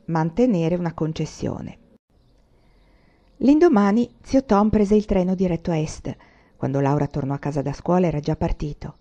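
A woman reading a novel aloud in a steady, measured way. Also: fairly low pitch. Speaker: audiobook reader. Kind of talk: audiobook reading. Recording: muffled lo-fi recording.

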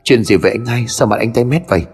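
A man's voice: medium pitch, quick pace, husky, faint music behind, lightly acted. A man voicing a shocked young man hearing his father died. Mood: frantic. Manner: frantic, disbelieving.

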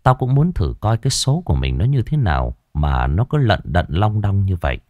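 A man with a Southern Vietnamese accent telling a ghost story in the first person, gruff and blunt, cursing casually. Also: sits low, sing-song, moderate pace, dry recording, narrow, tinny audio.

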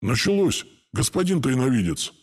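A man's voice: medium pitch, very animated, a little slow, slightly rough, voice pushed up, full character voice. A man voicing an anxious old male ghost in an audiobook, urgent and worried. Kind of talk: audiobook character voice.

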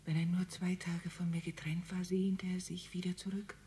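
An actress playing an aging mother who desperately pleads, mostly in hushed whispers, to be let in to her dying husband in a radio play. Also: lowish voice, steady tone, measured pace, slight background noise. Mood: hushed pleading. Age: older.

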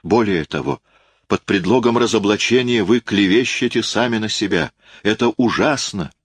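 A man's voice: lowish voice, moderate pace, husky, dry recording, voice pushed up. A man reading an audiobook, voicing an impassioned, insistent young man who speaks in emphatic exclamations. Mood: indignant.

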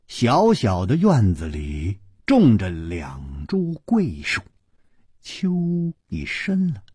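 A man reading a novel aloud with vivid, expressive storytelling. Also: low-pitched, breathy edge, no room sound, clean studio sound. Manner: vividly expressive, drawn-out phrasing.

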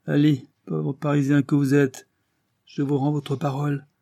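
A man's voice: medium pitch, moderate pace, dark tone, dry recording, voice pushed up, close to an everyday voice. A man voicing a teasing, haughty aristocratic princess in an audiobook reading. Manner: mocking, teasing.

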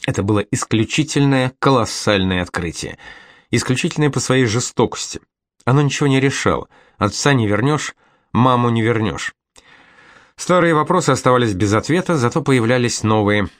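A man reading a novel aloud in a measured, subdued first-person narration. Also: mid-range voice, animated, no echo, studio quality. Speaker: audiobook narrator.

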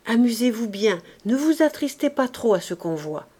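A woman reading the lines of a languid, bedridden woman with a soft, gently plaintive voice. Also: a little high, big pitch swings, moderate pace, slightly rough.

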